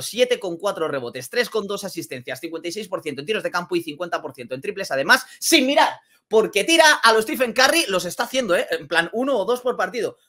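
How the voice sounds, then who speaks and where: High-pitched and full of energy, this man offers laid-back basketball commentary in a Spain Spanish accent as a vlogger. He exclaims often and repeats phrases to drive his points home.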